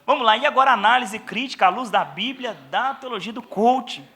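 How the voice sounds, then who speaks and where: A man's voice: extremely high pitch, a little fast, sharp tone. A man with a Brazilian Portuguese accent teaching a church seminary class in an informal, mocking tone, with many tag questions to the audience. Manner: informal, addresses the audience as brothers.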